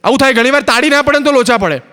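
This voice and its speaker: A man doing stand-up comedy in a large hall, his voice ringing out with a long echo. He talks quickly and sits high in his range, switching between himself and the other people in his stories as he tells them. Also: bright, forceful tone, clear, resonant tone. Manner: acts out both sides of dialogues in his stories. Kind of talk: stand-up storytelling on stage. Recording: long hall reverb from an auditorium.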